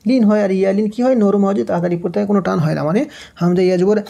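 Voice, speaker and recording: A man teaching Quran recitation step by step, spelling out letters and vowel marks, asking questions and answering them himself, and now and then chanting a verse slowly. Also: high-pitched, vocal fry, warm tone. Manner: drills letter by letter, asks and answers his own questions. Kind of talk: step-by-step Quran reading lesson.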